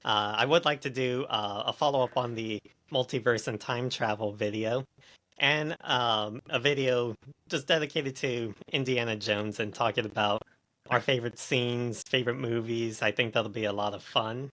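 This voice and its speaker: A man's voice: mid-range voice, moderate pace, bright, forceful tone. A man hosting a casual podcast chat, talking in a hesitant way with many fillers and restarts. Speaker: podcast host.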